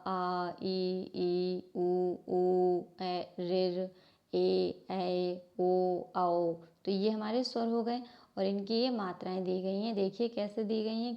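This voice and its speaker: A woman teacher with a medium-pitched voice gives a grammar lesson from a textbook, asking her class questions and then answering them herself. She reads slowly, sounding out letters one at a time, and the sound is lo-fi.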